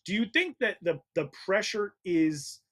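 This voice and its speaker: A man's voice: sits high, big pitch swings, unhurried, fairly bright tone. A man hosting a college football podcast, arguing his point in an emphatic, casual debate. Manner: argumentative, emphatic. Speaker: podcast host.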